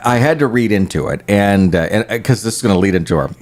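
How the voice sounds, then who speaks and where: A man hosting a casual morning radio interview in a studio, chatty and stumbling over his words, quick to laugh. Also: fairly low pitch, animated, darkish tone. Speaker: radio host.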